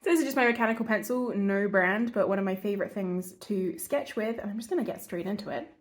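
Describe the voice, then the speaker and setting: A woman talks through a relaxed art tutorial while she sketches, her voice stuffy and congested from a cold. She rambles and pokes fun at herself as she goes, and her pitch sits right in the middle for a woman. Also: quick pace. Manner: chatty, rambling, self-mocking. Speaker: art channel host. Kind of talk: casual drawing and painting tutorial.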